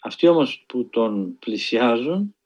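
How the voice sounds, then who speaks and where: A man telling a spiritual story in a sermon style, earnest and measured, with dramatic pauses. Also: mid-range voice, lively intonation, a little mellow, lo-fi sound. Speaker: preacher.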